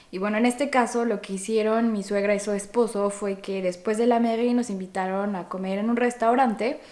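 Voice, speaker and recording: This young vlog host from Mexico talks loosely to her audience in the Mexican accent of a native Spanish speaker. Her voice is mid-range and a touch mellow.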